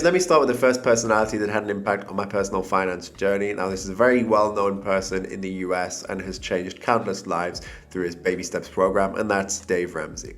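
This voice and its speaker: A young man with a cold, talking to camera in a relaxed, conversational way about his own experiences. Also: fairly low pitch. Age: young adult. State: has a cold. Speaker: finance YouTuber. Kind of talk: casual talking-head vlog.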